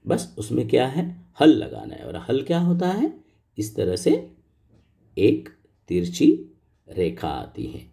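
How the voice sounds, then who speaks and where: A man's voice: medium pitch, wildly swooping pitch, takes it slowly, gravelly, long pauses, dark tone. A middle-aged man teaching a school grammar lesson, explaining patiently step by step and asking the pupils questions.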